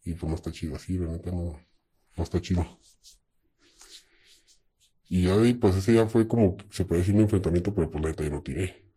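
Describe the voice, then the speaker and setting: A man's voice: low-pitched, brisk, pauses often, husky. A young man with a Mexican accent, telling his story in an interview in casual, swear-laden slang. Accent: Mexican Spanish. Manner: streetwise, swears often, relaxed.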